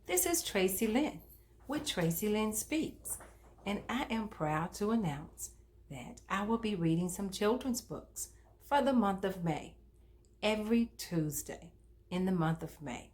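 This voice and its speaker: This storybook host reads to children in a lowish voice, using an expressive, emphatic style aimed directly at her young audience.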